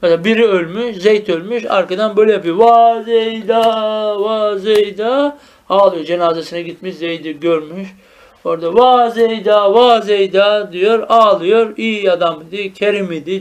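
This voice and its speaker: A man teaching a traditional madrasa-style Arabic grammar lesson. He explains the text line by line, often asks "tamam mı?", and reads Arabic phrases slowly. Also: sits high.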